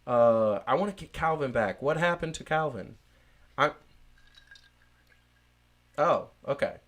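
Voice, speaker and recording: A man's voice: mid-range voice, animated, takes it slowly, fairly bright tone. A man hosting a casual podcast, rambling with many fillers and restarts. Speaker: podcast host.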